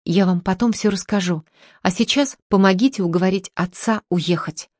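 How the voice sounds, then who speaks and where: Determined young heroine, voiced by a woman reader, firm, higher voice. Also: moderate pace, a little mellow, dry recording, studio quality, natural voice. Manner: firm, resolute, raised pitch.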